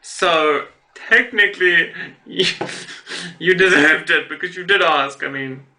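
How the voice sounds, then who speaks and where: A man talks casually over funny posts in a reaction video, amused and laughing often. His voice is strikingly bright and a little high. He speaks at an unhurried, drawn-out pace, rambling through fillers and restarts. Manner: amused, laughs often while reading and commenting; rambling, with many fillers and self-corrections.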